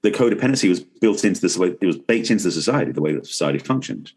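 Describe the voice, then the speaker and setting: A middle-aged expert guest on a podcast talks fast in a very low, noticeably husky voice that is also expressive and a little mellow. He explains conversationally, rephrasing along the way.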